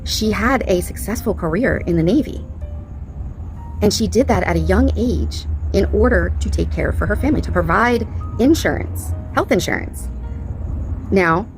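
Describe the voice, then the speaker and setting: Reacting to clips on her commentary channel, a woman speaks casually and opinionatedly, often repeating herself and asking rhetorical questions. She has an expressive, medium-pitched voice at normal speed, with faint music behind and poor audio quality.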